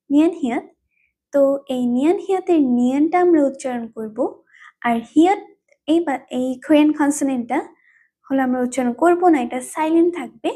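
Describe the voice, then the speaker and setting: A woman teaches a language lesson in a high, warm, soft-edged voice. She explains patiently and repeats each term several times so learners can follow. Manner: repetitive.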